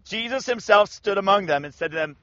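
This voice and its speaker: A man's voice: high-pitched, brisk, no echo. A man casually retelling a Bible passage, acting out the people in it with slangy voices. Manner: animated, acts out scripture in slangy voices. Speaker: Bible teacher. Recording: dull lo-fi sound.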